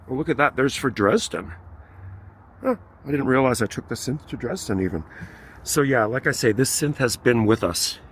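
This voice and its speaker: A man's voice: medium pitch, a bit bright. A man hosting a casual live synth show, talking in a rambling, laid-back way with many fillers and restarts. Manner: laid-back, a little profane.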